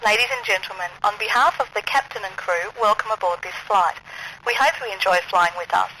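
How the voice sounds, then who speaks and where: A woman's voice: mid-range voice, fairly quick. Woman giving a cabin announcement. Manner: polite, formal, even. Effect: cabin public-address announcement. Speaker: flight attendant. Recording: distant cabin loudspeaker with engine noise.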